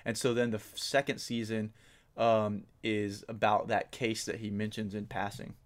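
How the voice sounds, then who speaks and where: A man's voice: lowish voice, little pitch movement, moderate pace. Easygoing swearing man, podcast co-host. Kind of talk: casual chat.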